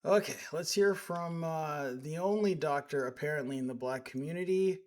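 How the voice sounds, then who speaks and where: A man's voice: on the high side, moderate pace. Indignant, sarcastic male streamer. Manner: indignant, sarcastic, rambling with restarts. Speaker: streamer reacting to clips. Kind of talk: live stream commentary.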